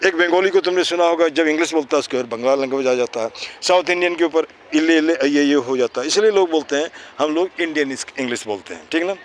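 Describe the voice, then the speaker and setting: A man's voice: a little high, fast talker, hardly any pauses, slight background noise. A man teaching children English pronunciation outdoors. He asks questions, answers them himself, and keeps adding "है ना" as a check, with an Indian English accent. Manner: tags phrases with "है ना".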